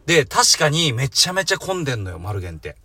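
Comedy cohost guy in a car, bright slightly husky voice, fast and animated, teasing. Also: fairly high pitch. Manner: teasing, builds up a comic bit. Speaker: comedy duo member, co-host. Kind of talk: casual comedic banter. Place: inside a car.

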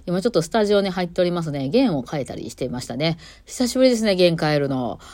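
A violinist woman, chatting on her own in a relaxed, explanatory way from a studio. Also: fairly low pitch, fast talker, dry recording. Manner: chatty and explanatory, with many fillers. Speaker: violinist and podcast host. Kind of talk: casual solo talk. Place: recording studio.

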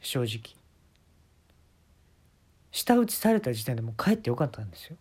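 A man's voice: mid-range voice, very animated, moderate pace, a little mellow, husky. A man with a Kansai accent telling a comic story in a casual, wry, exasperated way into a phone mic. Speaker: podcast host.

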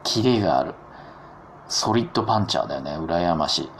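低めで抑揚豊かな男性のひとり語り. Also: male voice, low-pitched, expressive, a little fast, a little hiss or hum. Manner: chatty, self-mocking, jokey asides. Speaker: podcast host. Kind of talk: casual solo talk.

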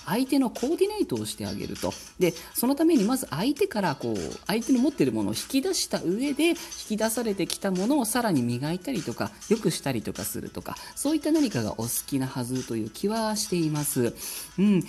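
A woman's voice: lowish voice, mellow. A woman giving a spoken fortune reading as a show host, explaining courteously and formally in a polite, apologetic customer-service manner. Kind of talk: spoken past-life reading for a listener. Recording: music behind the voice. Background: music.

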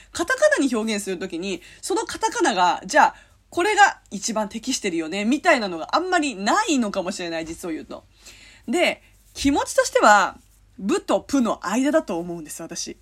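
A young woman from Korea, a native Korean speaker, hosts her own podcast. Her voice is slightly husky and breathy, and she talks in an animated, chatty way. Her pitch swings widely, and she laughs often. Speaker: podcast host. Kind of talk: casual solo chat.

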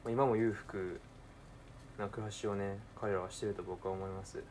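A young man with a Kansai accent chats alone while cooking, muttering to himself and then bursting into excited shouts. His voice sits on the low side, with a faint hiss of noise behind it. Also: normal speed. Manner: talks to himself, alternating mumbling with excited outbursts. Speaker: podcaster. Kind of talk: casual solo talk while cooking.

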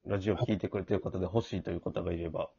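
A man's voice: sits low, steady tone, very fast, gravelly, lo-fi sound, heavy background noise. A man with an Osaka-area Kansai accent chatting casually as a radio talk co-host. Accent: Osaka-area Kansai Japanese. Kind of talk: casual two-person banter.

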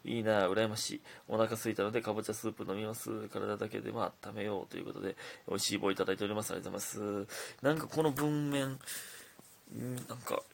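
A young man with a Kansai accent hosts his own talk podcast, reading listener letters and chatting between them. His voice sits fairly low and has a gravelly, husky edge. He rambles, pokes fun at himself, and drops to muttered asides between louder bursts. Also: fairly even intonation, fast talker. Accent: Kansai Japanese. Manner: chatty and self-deprecating, drifting between loud bursts and mumbled asides.

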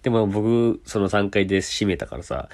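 A man casually telling a personal anecdote in an animated way, acting out the people in it. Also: on the low side, moderate pace, gravelly. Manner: animated, acts out quoted voices. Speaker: storyteller.

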